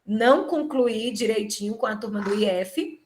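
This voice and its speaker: A woman with a Brazilian Portuguese accent speaks a little high and a little mellow, at a moderate pace, as she teaches a live online exam-prep class. She takes students through things step by step, checking in with tag questions. She uses a computer microphone on a video conference from a home or office.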